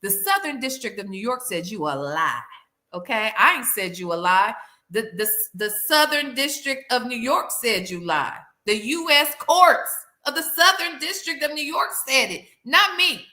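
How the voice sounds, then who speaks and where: A woman's voice: on the high side, expressive, normal speed, bright, forceful tone. A woman delivering a smug, sarcastic exposé to a live chat as host, mocking and incredulous, repeating phrases for emphasis. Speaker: YouTube content creator, host. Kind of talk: call-out commentary to a live chat.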